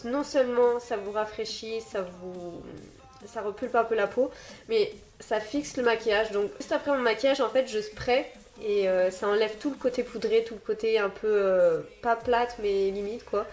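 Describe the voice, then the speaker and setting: A woman's voice: fairly high pitch, normal speed, darkish tone, soft background music. A woman with a very nasal, stuffed-up voice, sick with a blocked nose, chatting casually and apologetically to viewers as she recommends beauty products. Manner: self-deprecating, apologetic. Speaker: beauty and haul vlogger.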